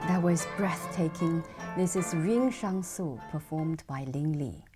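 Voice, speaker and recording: Woman host over soft instrumental music. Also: deep voice. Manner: measured, introducing and asking questions. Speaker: podcast host. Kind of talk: hosting an interview.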